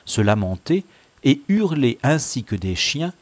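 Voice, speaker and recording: A man reading a classic novel aloud as an audiobook narrator, measured and expressive. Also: mid-range voice, no room sound. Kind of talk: scripted narration.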